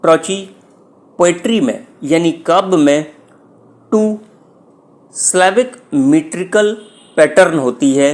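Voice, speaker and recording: Indian english guy teaching, reads a phrase then explains it in hindi, really slow, voice a bit high. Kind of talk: slow bilingual lecture.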